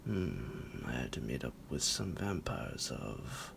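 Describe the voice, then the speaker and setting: Against a noisy background, the man again voices the ancient, psychotic vampire captor for an ASMR roleplay directed at the listener, fully in character. His breathy, gravelly whisper drops to a low creak with big pitch swings as he chuckles slowly and theatrically, gloating and doting with possessive, menacing tenderness.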